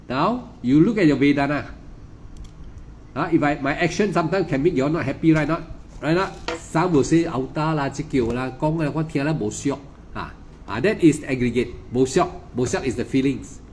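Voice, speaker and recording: A man's voice: a little high, a little mellow, a little hiss or hum. A man with a Malaysian English accent giving an emphatic, repetitive dharma talk as a meditation teacher, often stammering and restarting. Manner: insistent, lecturing.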